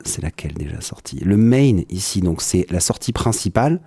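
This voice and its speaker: A French man talks through his music gear in a live-stream tutorial, pausing often and dropping quick interjections as he clicks through settings. His voice sits a bit low and sounds mellow. The recording is dry and close. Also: sing-song, creaky, breathy edge, no echo. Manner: explanatory, with frequent hesitations and "hop" interjections. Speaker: music producer demonstrating his live setup.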